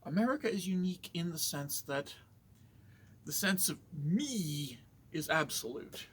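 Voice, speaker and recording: A man from Canada talking in a slow, measured, somewhat preachy monologue. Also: fairly high pitch, lively intonation, a bit bright, a little hiss or hum. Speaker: vlogger.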